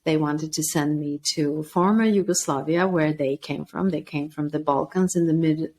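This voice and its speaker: A Swedish author in her 40s or older tells her life story as a podcast guest, speaking earnestly and thoughtfully, with frequent restarts. Her voice is low-pitched and warm, steady in tone, at a moderate pace. It's reflective personal storytelling.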